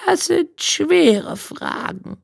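A man reading a storybook, voicing a crafty but kindly old grandmother in a creaky falsetto with a fussing, sing-song manner. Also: very animated, extremely slow, no echo, clean studio sound, heavily acted. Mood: cautious.

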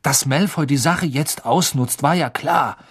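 A man's voice: fairly high pitch, measured pace, husky, exaggerated voice. A man doing Harry, a blunt, raised boy's voice. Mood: indignant. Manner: blunt, loud. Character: indignant teenage schoolboy.

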